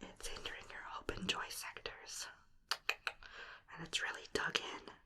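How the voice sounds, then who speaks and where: Asmr lady doing a whispered role-play, soft breathy whisper right up at the mic, slow soothing little murmurs. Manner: soothing, unhurried, murmured asides. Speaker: ASMR performer. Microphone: close ear-to-ear stereo microphone.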